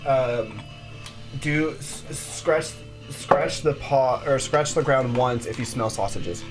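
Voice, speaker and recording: A man's voice: medium pitch, takes it slowly, low-quality recording. A man playing a tabletop game with friends, speaking hesitantly with many fillers, with music behind. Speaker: player.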